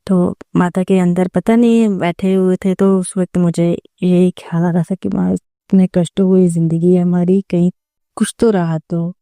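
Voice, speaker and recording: Young woman telling her story slow and earnest, super mellow voice, a bit low, dry close sound. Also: steady tone, no room sound. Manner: earnest, reflective, with pauses and restarts. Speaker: devotee sharing a personal story. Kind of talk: personal testimony, slow storytelling.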